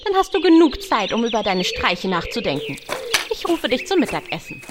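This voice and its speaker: A no-nonsense, exasperated old aunt in an audio drama. The voice is high and very animated, full of firm scolding. There is clear ambient noise behind it. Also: female voice, a little fast. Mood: firm, wry. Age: older.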